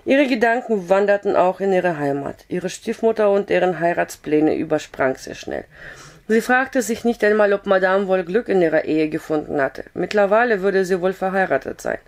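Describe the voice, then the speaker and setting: A hoarse woman calmly reading a novel aloud, with a steady storytelling tone and the odd slip of the tongue. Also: mid-range voice, normal speed. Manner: calm, steady storytelling with occasional slips. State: hoarse with a cough. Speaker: audiobook reader.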